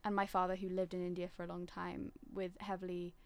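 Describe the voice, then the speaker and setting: A young woman from Singapore with a British accent talks reflectively and articulately in a casual conversation, often qualifying what she says. Her voice is on the low side, monotone, brisk and smooth.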